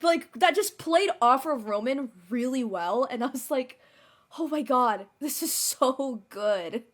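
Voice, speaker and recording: A high-voiced young woman co-hosts a casual recap chat. She is enthusiastic and fills listeners in on what they missed. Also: animated, unhurried. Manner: enthusiastic, explains context for listeners. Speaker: podcast co-host.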